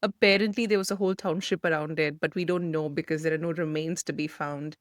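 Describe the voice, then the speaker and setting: A woman's voice: low voice, fairly even intonation, fast, no room sound, studio quality. A woman born and raised in India, co-hosting a podcast and telling stories in a chatty, enthusiastic way. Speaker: podcast co-host. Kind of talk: casual chat.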